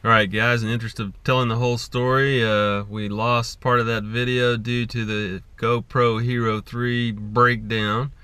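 Relaxed middle-aged man vlogging from car. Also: medium pitch, normal speed, few pauses, smooth, no room sound. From Texas. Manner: relaxed, chatty, full of fillers. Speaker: fly fishing vlogger. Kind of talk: casual vlog talk to camera. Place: inside a car. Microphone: dashboard action camera.

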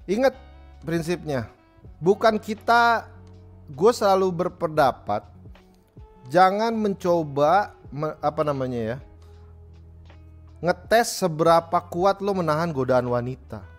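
A man's voice: fairly high pitch, expressive, slow, pauses often, faint music behind. A man, a livestream host who reads viewer messages and gives joking, slangy advice. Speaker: streamer reading viewer messages. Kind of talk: casual livestream chat.

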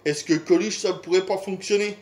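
A middle-aged YouTuber with a French accent has a high, slightly mellow voice that stays steady at a moderate pace. His casual monologue drifts from point to point. He hesitates a lot, sighing and dropping in fillers and rhetorical questions.

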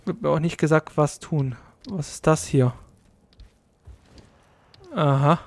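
Gamer softly coaxing an in-game companion. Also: mid-range voice, steady tone, takes it slowly. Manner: coaxes and soothes the game companion in a soft voice; talks to themself, puzzled and mildly frustrated. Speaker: let's play host. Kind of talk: live gameplay commentary.

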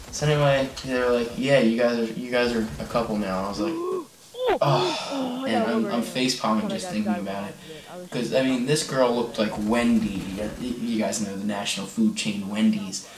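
A man's voice: on the low side, far from the mic. A man casually telling a story over gameplay as a gaming channel host, rambling with lots of fillers and correcting himself. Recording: roomy sound, a bit off-mic.

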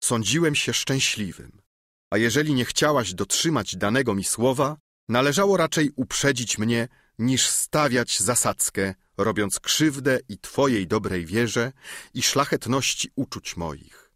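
A man's voice: mid-range voice, animated, unhurried, fairly bright tone, dry recording, clean studio sound. A man playing a young nobleman and wounded lover, speaking with earnest, reproachful pleading.

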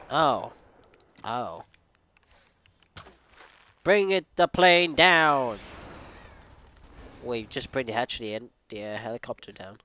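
Bright, crisp young gamer man, slow. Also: mid-range voice. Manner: crude joking, swearing at enemies. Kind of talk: let's play commentary.

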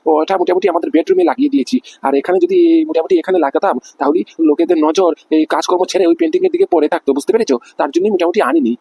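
A man's voice: sits high, wildly swooping pitch, racing, vocal fry, hardly any pauses, dark tone, husky, no room sound, full character voice. A man voicing a pushy middle-aged company boss in a cartoon, who keeps asking whether he is understood. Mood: boastful. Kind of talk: cartoon voice acting.

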